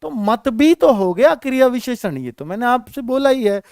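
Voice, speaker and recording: With an extremely high, sing-song voice that's gravelly, smooth and a little mellow, a Hindi teacher delivers an exam-prep grammar lesson at a moderate pace. Calling his students children, he frequently asks questions to check they follow along. The sound is dry and clean, studio-recorded.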